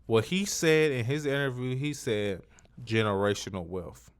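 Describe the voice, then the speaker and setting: This interview host is a man with a medium-pitched, expressive, smooth voice at normal speed. He keeps the chat casual, hammering his points home over and over in profane street talk full of slang.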